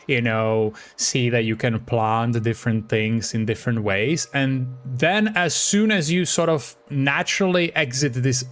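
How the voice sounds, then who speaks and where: A man from the Czech Republic, speaking English with a Czech accent as a chatty, playful streamer who often laughs while commenting on his gameplay. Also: mid-range voice.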